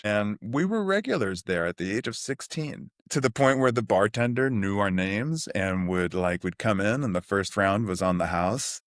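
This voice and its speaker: A middle-aged man from New City, telling stories as a podcast guest in a rambling, animated way full of fillers. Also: on the low side, dry recording, studio quality. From New York City (Queens). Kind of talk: casual storytelling interview.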